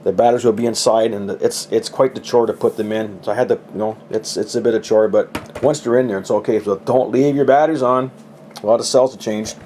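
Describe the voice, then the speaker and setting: This hobbyist presenter, a middle-aged man, talks a little fast in a fairly low, darkish voice with fairly even intonation. He shows off his gadgets in a relaxed, rambling, folksy way, often at his own expense, over a faint hiss or hum.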